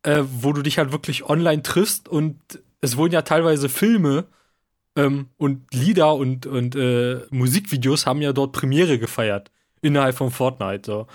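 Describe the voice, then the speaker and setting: A man talking casually as a podcast panellist, in a halting, hesitant way. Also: mid-range voice. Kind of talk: casual video game discussion.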